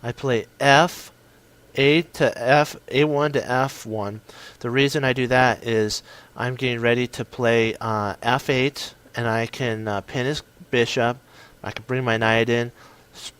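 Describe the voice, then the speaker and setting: Excitable man narrating a chess game. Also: medium pitch, clear, resonant tone. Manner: excitable, self-correcting, punchy short phrases. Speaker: chess commentator. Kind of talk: casual game commentary.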